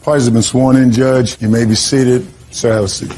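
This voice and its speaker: A man's voice: medium pitch, flat delivery, moderate pace, dark tone, a little hiss or hum, poor audio. A man working as a bailiff, formally announcing cases and directing parties in a courtroom.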